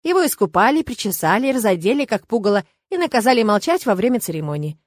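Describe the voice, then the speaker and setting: A woman narrating an audiobook in an even storytelling manner. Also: fairly high pitch, quick pace, no echo, studio quality. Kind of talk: scripted narration.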